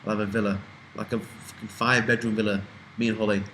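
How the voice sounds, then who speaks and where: A man's voice: on the low side, flat delivery, fast talker, fairly bright tone, slight background noise, low-quality recording. A man in his twenties from the UK, chatting casually and rambling as he answers viewer questions, swearing freely. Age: 20s. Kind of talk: casual Q&A chat.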